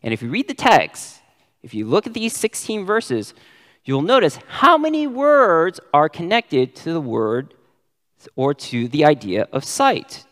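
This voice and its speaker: A man preaching a sermon as pastor, stressing key words with sudden rises in pitch. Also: wildly swooping pitch, a little slow, a bit bright, long reverb tail.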